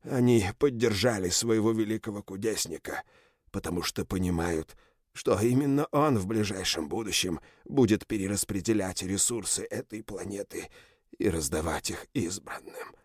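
A man voicing a wounded captive general who pleads for his life and then threatens his captors, hoarse and strained. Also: fairly low pitch, normal speed, no room sound, clean studio sound. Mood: menacing. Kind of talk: audiobook character reading.

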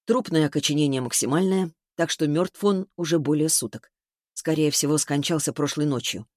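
A man reading an audiobook, voicing a blunt expert man who explains things in a lowered, matter-of-fact way. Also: normal speed, a little mellow, no echo, clean studio sound, close to an everyday voice. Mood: explaining. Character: middle-aged man, dry, blunt medical expert. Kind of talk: audiobook character voice.

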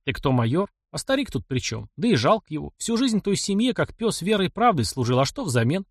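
Man reading a brisk, decisive young man. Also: fairly high pitch, sing-song, no room sound, clean studio sound, voice pushed up. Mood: firm. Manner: brisk, plain-spoken. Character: young man, decisive and kind, gives orders.

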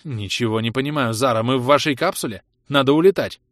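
A man's voice: medium pitch, fast talker, a bit bright, dry recording, studio quality, voice pushed up, close to an everyday voice. A man voicing a bewildered, anxious husband. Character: confused, fidgety husband.

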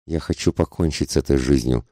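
A man's voice: very deep voice, fairly quick, mellow, no room sound, studio quality. A man voicing a passionate, desperate society woman who pleads for love in an intense, angry half-whisper.

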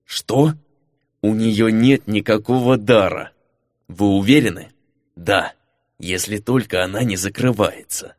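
A man voicing a tense cleric inquisitor who hisses his words quietly and low. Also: measured pace, dry recording, studio quality, close to an everyday voice. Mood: tense hushed. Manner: hissing, low and hushed.

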